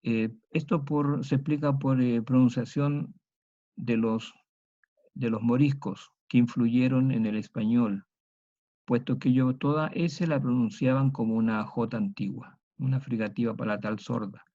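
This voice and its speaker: A middle-aged man lectures in a dark, mellow voice, moving through each point methodically and saying the key words twice. The recording is slightly dull and lo-fi. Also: mid-range voice, steady tone. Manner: methodical, repeats each example slowly. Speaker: teacher. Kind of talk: university lecture.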